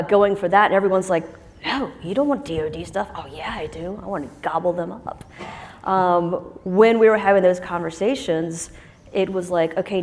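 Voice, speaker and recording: Chatty woman panelist in a reverberant hall. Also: lowish voice. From Huntsville, Alabama, US. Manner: chatty, self-deprecating, filler-heavy. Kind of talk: conference panel talk. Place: conference stage with long hall reverb.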